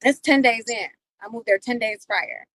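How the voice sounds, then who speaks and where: A woman with a fairly high voice, recounting a story to her livestream viewers. She tells it in an animated way, swearing freely. The sound is dry and close, with no room echo. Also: normal speed. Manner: profane, animated retelling. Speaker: livestream host. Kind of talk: casual storytelling.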